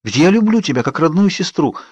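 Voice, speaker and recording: Wheedling young woman vampire, lifted pitch, dry recording, audiobook, man reading her. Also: sing-song, brisk, a little mellow, breathy edge, dry recording, highs cut off. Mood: pleading. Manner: wheedling and coaxing. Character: pleading, bubbly young woman vampire friend. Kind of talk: audiobook character voice.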